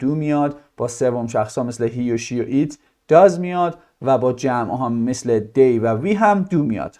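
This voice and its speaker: A man teaching a recorded language lesson, explaining quickly and repeating example questions slowly. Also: mid-range voice, darkish tone. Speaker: English teacher.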